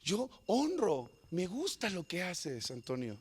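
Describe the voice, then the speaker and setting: God's voice, soft and earnest, as a preaching man puts it on. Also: high-pitched, wildly swooping pitch, slow, slightly rough, full character voice. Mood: gently reproving. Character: God speaking gently to a man, male, patient.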